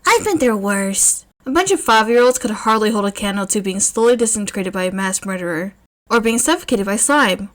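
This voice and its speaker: A woman narrating a fanfiction story in an expressive, measured reading. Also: mid-range voice.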